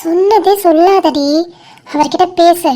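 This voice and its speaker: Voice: extremely high pitch, steady tone, measured pace, mellow. A performer voicing a bossy, caring young woman in a cartoon who scolds and nags her friend insistently. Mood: scolding. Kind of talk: dramatic cartoon dialogue.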